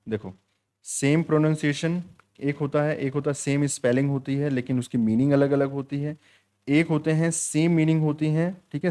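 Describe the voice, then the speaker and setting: Man teaching with a mellow voice. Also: mid-range voice. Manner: explains in Hindi, reads English quiz lines slowly; repeats "ठीक है" often. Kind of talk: exam-prep lesson.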